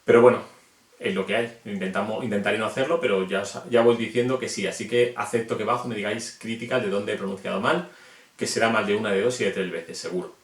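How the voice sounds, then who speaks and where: Man, Spain Spanish accent, low voice, chatty explainer, roomy echo. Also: steady tone, fast. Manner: chatty, self-deprecating, checks in with the viewer. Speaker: reptile hobbyist explaining names. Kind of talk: casual explainer video. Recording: echoey room.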